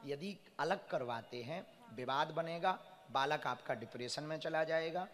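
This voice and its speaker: A man leading a live devotional session, reading out a devotee's petition and blessing her, calm and reassuring but breaking into rising chanted blessings. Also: fairly high pitch, measured pace, long reverb tail.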